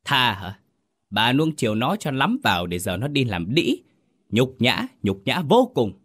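A man's voice: medium pitch, big pitch swings, measured pace, husky, no room sound, studio quality, pitched above the performer's own voice, heavily acted. A man voicing a furious, humiliated old father who hurls insults and orders at his household. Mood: raging. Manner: raging, shouting insults. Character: furious older father, proud and violent.

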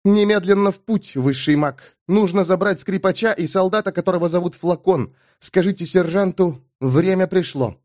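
A man's voice: high-pitched, normal speed, hardly any pauses, a little mellow, dry recording, clean studio sound, voice pushed up, natural voice. Man voicing a curt commanding woman officer. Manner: curt, clipped orders.

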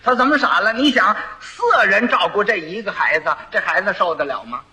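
Guy telling a funny old folk tale, chatty asides, high bright voice. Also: brisk, low-quality recording. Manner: lively, conversational asides to listeners. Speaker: storyteller. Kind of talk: traditional comic storytelling.

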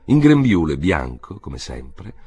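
Deep, husky male audiobook narrator. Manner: measured, expressive storytelling. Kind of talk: scripted literary reading.

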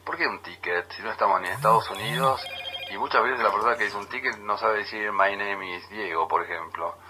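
A man with an Argentine accent co-hosting a casual radio chat, musing aloud with frequent pauses. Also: on the low side, noisy background. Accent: Argentine Spanish. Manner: chatty, muses aloud with many pauses. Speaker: radio co-host. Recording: radio broadcast.

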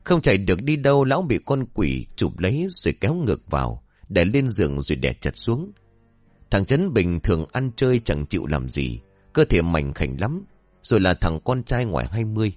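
A man narrating a horror-comedy story in an expressive storytelling voice. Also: low voice, normal speed, no echo, soft background music.

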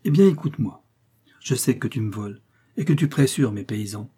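A man's voice: medium pitch, expressive, brisk, dark tone, husky. A man voicing a blunt aristocratic prince who speaks with irritated authority, in an audiobook reading. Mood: mocking.

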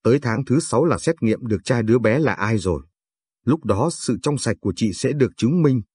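A man voicing a meek, self-blaming pregnant young wife in a storybook reading, softly reassuring. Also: medium pitch, lively intonation, a little fast, husky. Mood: resigned. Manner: soft, resigned reassurance.

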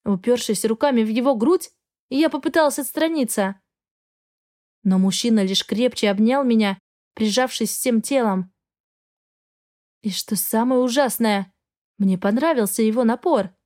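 A woman narrating first-person fiction in a steady, even reading voice. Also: a little high, unhurried, pauses often. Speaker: audiobook narrator.

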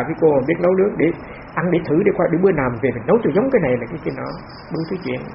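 A man's voice: a little high, gravelly. A man, a monk giving a plain, repetitive, conversational Dharma talk at a meditation retreat. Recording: dull lo-fi talk recording with faint noise.

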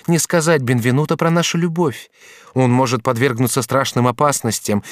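A man reading an audiobook, voicing a gentle and earnest young noblewoman in love with a soft, pleading tone. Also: on the high side, no echo, studio quality, pitched above the performer's own voice, lightly acted.

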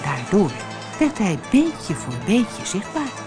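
Expressive woman reading a children's story. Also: medium pitch, slow, over music. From Netherlands. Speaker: narrator.

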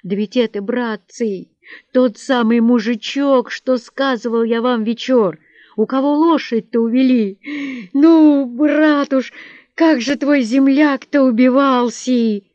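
A woman reading an audiobook voices a loud, hearty peasant man who exclaims his greetings. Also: fairly high pitch, slow, no echo, highs cut off, pitched above the performer's own voice.

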